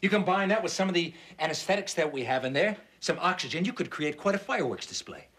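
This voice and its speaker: A strict male doctor in a daytime TV soap, scolding in quick, clipped bursts. His fairly high voice swings widely between cold quiet and sharp reproach. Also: expressive. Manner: stern, lecturing, clipped. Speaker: actor in a TV drama.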